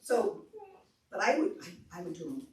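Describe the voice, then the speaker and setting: With a fairly low pitch and normal speed, this visiting presenter engages preschoolers and parents, asking questions and demonstrating in an animated way while keeping explanations simple. The far camera mic captures her in the large library meeting room's echo.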